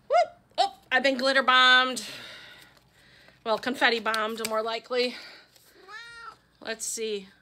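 Middle-aged woman vlogger from Wisconsin, high and bright voice, gushing casual chat. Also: slight background noise. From Wisconsin, USA. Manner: gushing, chatty, talks to her pet. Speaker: vlogger opening fan mail.

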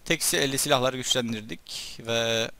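A young man giving casual commentary over his gameplay, chatting to his troops and breaking into loud excited shouts during fights. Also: mid-range voice, moderate pace, gravelly. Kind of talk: let's play commentary.

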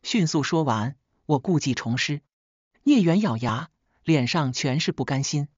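Husky woman narrating a first-person story. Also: deep voice, lively intonation, a little slow, a little mellow, dry recording, dull audio.

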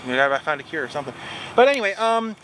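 A man's voice: fairly high pitch, very animated, rapid-fire, fairly bright tone, slight background noise. A man in his forties from Wisconsin casually walking through his touring bike gear in one take, rambling with lots of fillers and self-corrections, filmed outdoors at a trailhead with a handheld camera at arm's length. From Wisconsin, USA. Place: outdoors at a trailhead parking area. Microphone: handheld action camera at arm's length.

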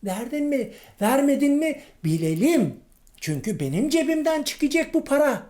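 A man's voice: very high voice, big pitch swings, normal speed, warm tone. A male comedian playing a grumbling, irritable middle-aged man on the street in a comic monologue sketch, ranting in folksy slang and firing off rhetorical questions.

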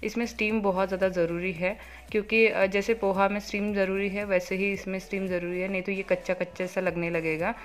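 Fast-talking chatty woman home vlogger. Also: mid-range voice, level tone. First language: Marathi. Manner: fast, chatty, many fillers. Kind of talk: casual home vlog, cooking and chores.

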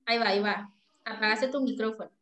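A woman's voice: on the high side, steady tone, fast, fairly bright tone, roomy sound. A woman teacher giving an online class, affectionate, often checking in with the pupils. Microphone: video call.

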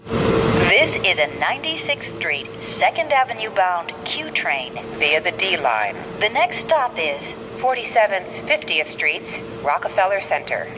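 A woman's recorded announcement played over a subway car loudspeaker, calling out stops and transfers in a slow, measured way. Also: very animated. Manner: slow, measured, evenly spaced station names. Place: inside a moving subway car. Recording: muffled speaker, loud train noise. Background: rumbling train and air conditioning.

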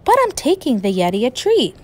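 A woman voicing an eager, determined young boy who bursts out in high, excited exclamations. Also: a little fast. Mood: weary.

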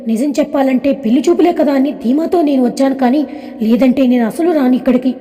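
A woman's voice: high-pitched, quick pace, mellow, long reverb tail, lightly acted. A woman voicing a hurt young woman who pleads tearfully with her father.

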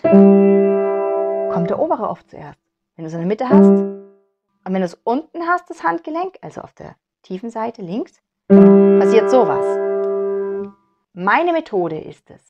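A woman with a German accent gives a piano lesson in a patient, encouraging way and shows each movement at the keyboard. Her voice sits at an ordinary middle pitch. Quiet piano playing can be heard behind her. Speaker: piano teacher. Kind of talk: piano tutorial instruction.

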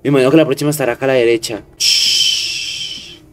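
A young man with a Colombian accent, commenting on a horror game he plays, jumping at scares, swearing and hushing himself. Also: mid-range voice, steady tone, racing, music in the background. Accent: Colombian Spanish. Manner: jumpy, yelps and swears at scares, hushes himself. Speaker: gaming streamer.

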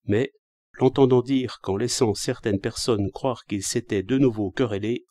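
A man narrating a classic novel in a measured, even reading. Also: mid-range voice, no echo, studio quality. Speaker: audiobook reader. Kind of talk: scripted literary narration.

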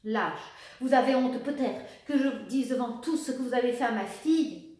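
A woman's voice: on the high side, normal speed, lightly acted. A woman doing a furious proud baroness. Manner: sharp, indignant outbursts. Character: furious aristocratic mother, a baroness, icy and proud. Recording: echoey room, voice far from the mic.

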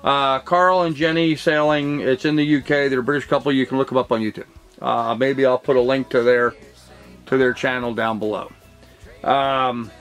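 Speaking in a medium-pitched, slightly bright voice, a middle-aged real estate broker rambles to the camera in a casual talking-head vlog. He sits in a cluttered home office and uses plenty of fillers and restarts.

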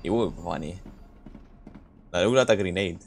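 A man's voice: deep voice, moderate pace, vocal fry, slight background noise. A young man from Romania streaming a game, chatting casually with viewers in a laid-back, joking way with frequent laughs. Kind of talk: casual gameplay chat with viewers.

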